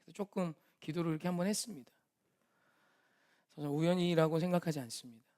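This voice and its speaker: A middle-aged pastor preaching in a church, his voice sitting fairly high for a man. He talks earnestly and pleads with the congregation, then swells into loud, fervent shouting. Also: quick pace. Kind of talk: sermon. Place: church sanctuary.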